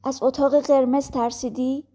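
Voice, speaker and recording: A woman voicing a kind male country doctor who asks soft, gentle questions in a storybook reading. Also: high-pitched, little pitch movement.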